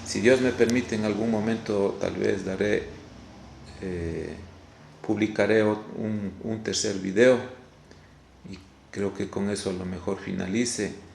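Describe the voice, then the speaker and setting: Deep, gravelly Ecuadorian preacher in echoey room. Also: male voice, steady tone, a little mellow, slight background noise. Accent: Ecuadorian Spanish. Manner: halting, repeats words, frequent "Gloria a Dios". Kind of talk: video sermon.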